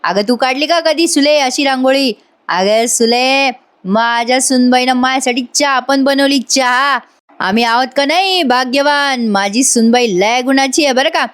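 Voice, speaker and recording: A man's voice: very high voice, normal speed, fairly bright tone, clear, resonant tone. A woman voicing a teasing old father-in-law in a spoken serial retelling. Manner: playful, needling.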